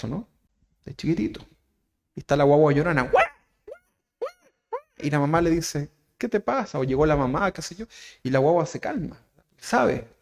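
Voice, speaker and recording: A man with a Chilean accent preaches to his congregation as their pastor, his voice sitting a little high. He keeps asking his listeners questions and checking in with "¿verdad?", pushing key phrases up loud and then dropping to quiet asides. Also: creaky. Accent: Chilean Spanish. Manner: preaching with rhetorical questions, frequent "¿verdad?", rising emphasis and soft asides. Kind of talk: sermon. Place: church.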